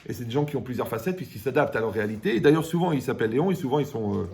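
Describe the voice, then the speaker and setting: A man giving a lively Torah class, joking and asking his audience questions. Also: medium pitch, very fast, crowd noise. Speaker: Torah teacher.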